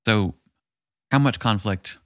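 A man's voice: lowish voice, slow pace, fairly bright tone, no room sound, clean studio sound. A man co-hosting a podcast, talking through relationship advice in a thoughtful, musing, encouraging way. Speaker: podcast co-host. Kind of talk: casual relationship chat.

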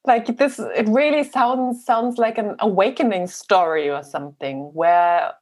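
A woman interviewer responding warmly, affirming with short listening sounds. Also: mid-range voice, unhurried. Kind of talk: conversational interview.

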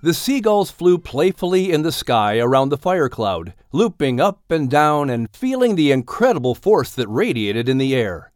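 A man reads a storybook aloud like a scripted audiobook, his sing-song pitch swinging expressively from phrase to phrase. He keeps a moderate pace with hardly any pauses. The recording is very dry, with no echo or room sound, and faint music plays behind him.

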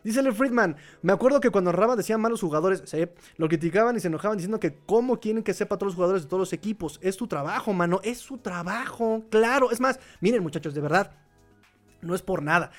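A Mexican man hosting a live podcast, reading chat comments and giving opinions in a chatty, laughing way. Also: high-pitched. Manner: chatty, opinionated, laughs often, repeats phrases. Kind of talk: casual live-stream commentary.

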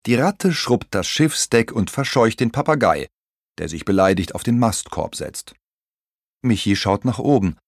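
A man narrating a children's audiobook in an expressive storytelling manner. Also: fairly low pitch, unhurried, no echo, studio quality.

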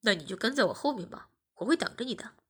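A woman voicing a teasing young man who talks calmly and coaxingly, in a voice pitched well below her narration. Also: quick pace, husky. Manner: calm, coaxing.

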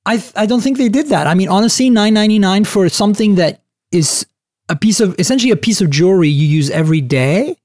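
A man hosting a casual tech podcast, talking in an animated, chatty way with lots of fillers and restarts. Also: high-pitched, fast talker, no echo, studio quality. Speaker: podcast host.

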